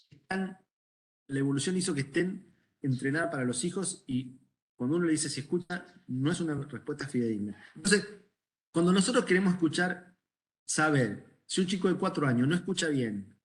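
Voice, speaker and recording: A middle-aged man with a Rioplatense Spanish accent speaks in a slightly high, fairly bright voice. He's an ENT doctor lecturing medical students in a conversational way, putting questions to the class and sharing anecdotes from his practice.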